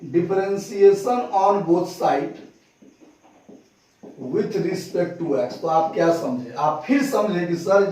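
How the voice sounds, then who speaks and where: A maths teacher with a high-pitched, dark-toned voice and a Bihari Hindi accent lectures at the board, asking questions and answering them himself. He is recorded from far off in an echoey classroom.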